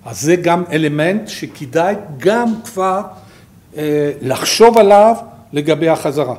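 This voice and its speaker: Halting French-accented man, slightly high voice. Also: expressive, darkish tone. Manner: halting, searching for words. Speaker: programme director presenting to researchers. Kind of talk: informal slide presentation.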